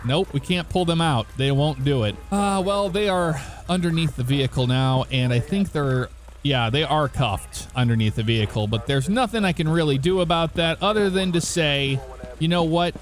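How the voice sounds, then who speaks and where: A man's voice: a little high, lively intonation, normal speed, faint music behind. A man giving casual, joking let's-play commentary, talking back to the characters in the game. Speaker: gaming YouTuber.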